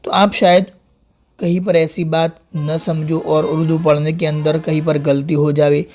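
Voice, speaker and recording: A man hosting his channel, teaching an online Urdu reading lesson. He explains patiently, using religious greetings and phrases, and reads syllables and short drill sentences slowly and deliberately. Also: on the high side, flat delivery, darkish tone.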